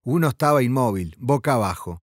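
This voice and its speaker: A man narrating an audiobook in a dramatic, expressive reading. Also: medium pitch, a little fast, no echo, studio quality.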